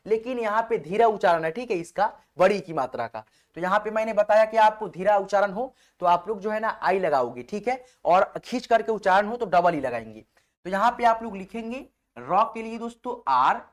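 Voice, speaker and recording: Patient man slowly spelling words aloud. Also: high voice. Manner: patient, repetitive, spells letters out slowly, keeps checking in with "okay friends". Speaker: online English teacher. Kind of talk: step-by-step spelling lesson.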